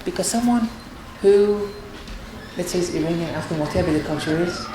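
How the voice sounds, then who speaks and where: Fairly quick and low-voiced, this woman advises her audience in a sincere religious talk about marriage, frequently starting her sentences over. The hall is very echoey and noisy.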